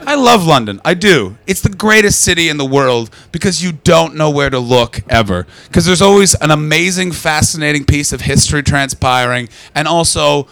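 A man doing stand-up crowd work, brash and profane, teasing the audience and breaking into loud shouts. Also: a little high, animated, normal speed, vocal fry, few pauses. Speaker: stand-up comedian. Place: London comedy club.

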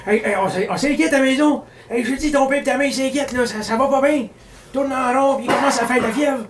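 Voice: high-pitched, quick pace, reverberant, background noise, natural voice. A player voicing a kindly, stammering uncle character with a Quebec French accent. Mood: fussing. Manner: hesitant, stammering. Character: bumbling uncle Gratis, fussy and kindly.

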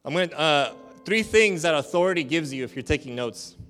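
Brief: male preacher, bright and forceful, animated and jokey, with soft music underneath. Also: a little high, fairly quick. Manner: animated, joking, conversational. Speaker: pastor. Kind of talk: sermon.

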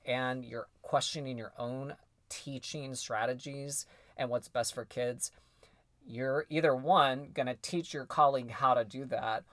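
Guy co-hosting a choir teacher podcast, lively and self-mocking, dry close sound. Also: medium pitch, unhurried, dry recording. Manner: animated, laughs at himself. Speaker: choir director, podcast co-host. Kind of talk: casual podcast chat.

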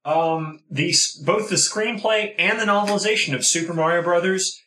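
A man's voice: high-pitched, normal speed, sharp tone, roomy sound, slight background noise, rough recording. A man on a comedy podcast delivering fake trivia in a mock-earnest way. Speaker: podcast co-host.

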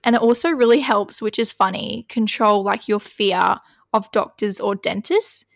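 A woman chats casually as a podcast co-host. Her voice has a gravelly fry and sits at a middle pitch. The sound is dry and close, with no room around it. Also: normal speed, dry recording. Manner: chatty, filler-heavy, many "like"s. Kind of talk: casual chat.

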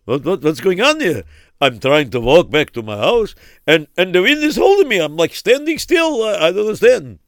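A man voicing a pious, excitable middle-aged man who stammers and exclaims. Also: medium pitch, moderate pace, no room sound, clean studio sound. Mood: worried.

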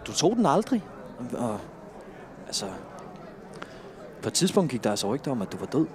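En tøvende og bekymret ven, spillet af en mand, med en livlig stemme, der svinger meget op og ned. Han taler i et mellemleje og snubler over fyldord og nye ansatser. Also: male voice, medium pitch, big pitch swings, a crowd in the background, natural voice. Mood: worried. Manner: hesitant, full of fillers and false starts. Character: concerned male friend, hesitant and earnest. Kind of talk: film drama acting.

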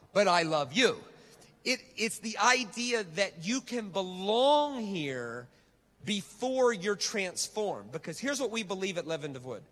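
A male preacher delivers a conversational yet emphatic sermon. His voice sits high and has a bright, forceful edge. He drives points home with repeated phrasing, and the sound rings through a reverberant hall. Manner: emphatic, conversational, rhetorical repetition. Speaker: visiting preacher. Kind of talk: sermon with slides. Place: large reverberant church hall.

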